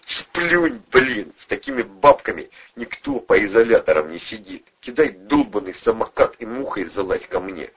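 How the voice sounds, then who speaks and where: Audiobook: narrator as tough young crook, rough slang, husky, lively pitch. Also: male voice, normal speed, few pauses, highs cut off, exaggerated voice. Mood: threatening rough. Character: tough young male ex-boxer thug, blunt.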